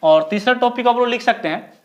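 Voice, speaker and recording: A man with a high voice teaches physics at the board. He asks the class a question, answers it himself, and draws key terms out word by word so students can copy them down. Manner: repeats key terms slowly, syllable by syllable. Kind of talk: blackboard lecture.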